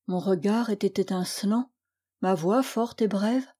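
A woman reads aloud from a classic novel with expressive, theatrical phrasing, lingering slowly over the dramatic lines. Her voice sits at a medium pitch and has a mellow, warm timbre. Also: husky. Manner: expressive, theatrical, with slow emphatic passages. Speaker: audiobook reader. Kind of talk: dramatic reading of a 19th-century novel.

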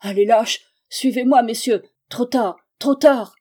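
A woman voicing a frantic, desperate bearded man who talks loudly. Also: medium pitch, moderate pace, natural voice. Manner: loud and desperate.

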